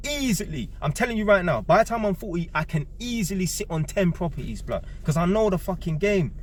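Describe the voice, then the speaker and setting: A man's voice: a little high, slight background noise. A man, giving a blunt, emphatic monologue to camera, repeating key words and swearing freely. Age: 30s. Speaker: vlogger.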